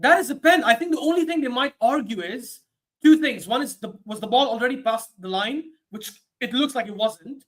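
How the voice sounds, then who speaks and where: Male streamer calling a match live; excitable reactions, drops low then bursts out loud. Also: normal speed. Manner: excitable, swings from low muttering to sudden shouts. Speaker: host of a football watchalong stream.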